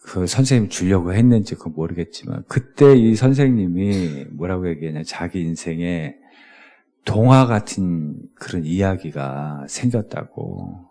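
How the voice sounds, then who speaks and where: A man's voice: low voice, unhurried, dark tone. A male pastor giving a conversational sermon, often asking his listeners rhetorical questions.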